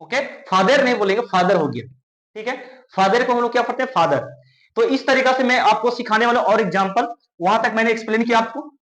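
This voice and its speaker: A man with a very high voice teaches English letter sounds step by step, asking a question and then answering it himself. He says each example word slowly, again and again. The sound has the echo of a bare room. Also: fairly bright tone. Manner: repeats words slowly, asks and answers his own questions. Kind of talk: classroom-style phonics lesson.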